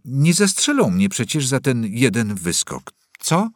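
A man voicing a frightened middle-aged prisoner who pleads loudly and sanctimoniously, close to tears. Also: mid-range voice, big pitch swings, a little slow, dry recording, voice pushed up. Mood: pleading. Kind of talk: audiobook character voice.

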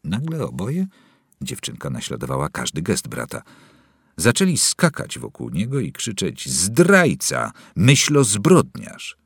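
Deep gravelly male narrator. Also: huge pitch swings, normal speed, dry recording, clean studio sound. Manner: dramatic, wide-ranging delivery. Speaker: audiobook narrator. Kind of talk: scripted narration of a novel.

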